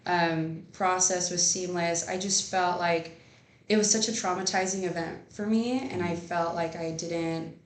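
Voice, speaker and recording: A woman's voice: on the low side, steady tone, measured pace. A young woman from Texas, a newly licensed attorney, talking earnestly with many fillers in a casual interview. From Rio Grande Valley, Texas. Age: young adult. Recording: echoey room with faint noise.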